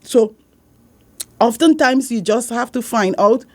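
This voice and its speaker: A woman with a slightly mellow voice that sits on the high side speaks slowly in an interview. A business support consultant from Saint Martin with a Dutch accent, she offers earnest advice and keeps returning to her central points.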